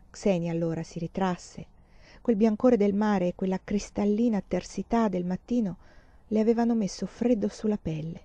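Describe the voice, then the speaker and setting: A woman narrating a literary novel in a measured, expressive reading, in a slightly muffled recording. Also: mid-range voice, dry recording. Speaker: audiobook reader.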